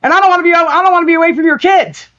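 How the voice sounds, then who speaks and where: A woman's voice: very high-pitched, very fast, a bit bright, muffled recording. A woman calling into a livestream, apologizing in a pleading voice and repeating herself. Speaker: guest calling in.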